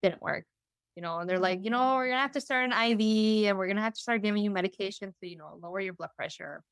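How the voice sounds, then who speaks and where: A woman's voice: medium pitch, fast talker, clear, resonant tone, no echo. A young woman telling her story as a guest, casual and chatty, full of "you know" and "like", acting out what others said. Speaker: interview guest.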